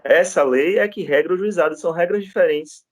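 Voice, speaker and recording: Male lecturer, higher register, relaxed storytelling with many tag questions. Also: a little fast, no room sound. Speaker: law lecturer. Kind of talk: classroom lecture with anecdotes.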